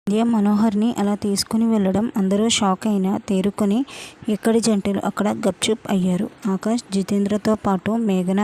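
A woman reading a romance story aloud as an audiobook narrator, in an even, steady way. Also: mid-range voice.

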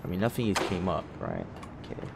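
A man's voice: low voice, huge pitch swings, fairly quick, vocal fry, very noisy. A young man giving casual, nervous gameplay commentary full of slang and swearing. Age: young adult. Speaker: gamer, host of a horror game playthrough. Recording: music behind the voice.

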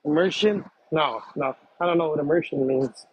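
A man with a fairly high, husky voice, answering questions in a casual chat. He talks hesitantly, repeats his words and breaks into easy laughs. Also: normal speed, muffled recording. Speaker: interviewee. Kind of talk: casual conversation.

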